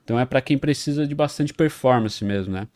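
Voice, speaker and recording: A man's voice: mid-range voice, quick pace, darkish tone. A man co-hosting a podcast, reading sponsor spots in a conversational way with tag questions. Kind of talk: sponsor read in casual chat.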